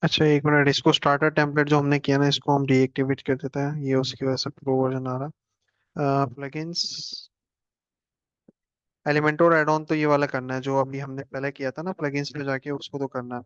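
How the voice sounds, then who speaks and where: A man's voice: medium pitch, level tone, moderate pace, clear, resonant tone, no room sound, dull audio. A man teaching a casual screen-share computer lesson, chatting and joking as he clicks through steps. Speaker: instructor.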